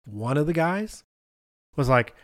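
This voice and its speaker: A middle-aged man co-hosts a podcast, his fairly high voice very animated yet slow-paced. He tells stories casually and conversationally, acting out what people said. The studio recording is clean with no echo.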